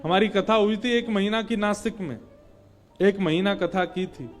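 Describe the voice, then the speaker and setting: A man giving a devotional story sermon, telling the tale dramatically and chanting verses slowly. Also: high-pitched. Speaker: kathavachak, Bhagwat storyteller. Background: faint instrumental music.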